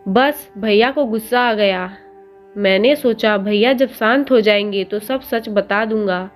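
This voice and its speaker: A woman's voice: mid-range voice, unhurried, faint music behind, close to an everyday voice. A woman voicing a teenage schoolboy who pleads with his sister-in-law in a choked, sobbing voice, in a storybook reading. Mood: pleading.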